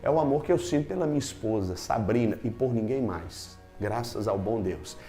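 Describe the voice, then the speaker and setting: A man's voice: mid-range voice, lively intonation, normal speed, warm tone, soft background music. A man teaching a Bible lesson, explaining each point step by step with emphasis.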